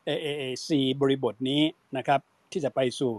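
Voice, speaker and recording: A man giving an unhurried academic talk as a panel speaker, explaining word roots and mixing English terms into his speech. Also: mid-range voice, no echo.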